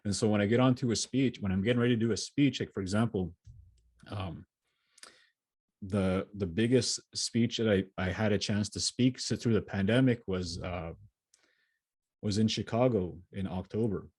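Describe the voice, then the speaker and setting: A man with a husky, darkish, lowish voice delivers a motivational keynote from home over a video call, answering questions at a normal pace. He speaks earnestly, often restarting and repeating himself, and the recording has no room sound.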